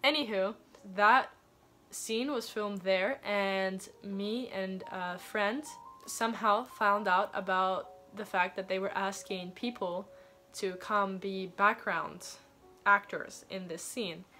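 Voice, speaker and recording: A woman's voice: medium pitch, steady tone, slow, pushed and bright, soft background music. A twenty-year-old woman chatting casually and reading aloud in an embarrassed, self-mocking way, with theatrical asides. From Thailand. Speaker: vlogger reading her teenage diary. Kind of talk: casual chat mixed with reading aloud from a diary.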